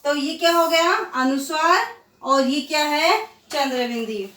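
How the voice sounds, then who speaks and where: A woman teacher giving a grammar lesson to children, slowly repeating example words and answering her own questions. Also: high-pitched, bright, forceful tone, distant mic. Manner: slow, drawn-out repetition of example words; asks questions and answers them herself. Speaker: school teacher. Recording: echoey room, voice set back from the mic.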